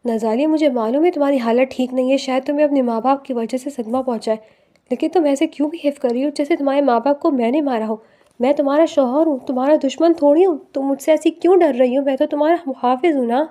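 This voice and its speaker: A woman voicing an anguished young husband who pleads urgently, in a high voice. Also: dark tone, lightly acted. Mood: pleading.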